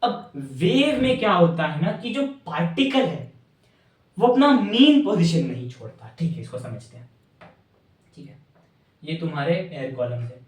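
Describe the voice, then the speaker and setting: A man's voice: on the high side, big pitch swings, unhurried, far from the mic. Man teaching in a very echoey room. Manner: playful, asks and answers his own questions, calls students "bhaiya". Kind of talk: animated classroom explanation. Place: classroom with a whiteboard. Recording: very echoey room, voice a bit off-mic.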